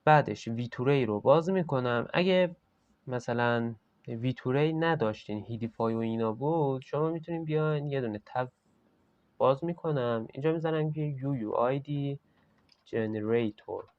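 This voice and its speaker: A man's voice: medium pitch, darkish tone, no room sound, highs cut off. A man hosting a screen-recorded tech tutorial, explaining each step in a casual, chatty way.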